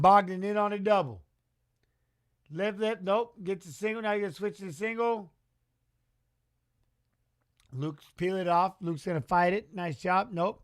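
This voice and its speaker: Man, middle-aged, high voice, excitable, casual live fight commentary, chatty with the chat. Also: creaky. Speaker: watch-along host and fight commentator.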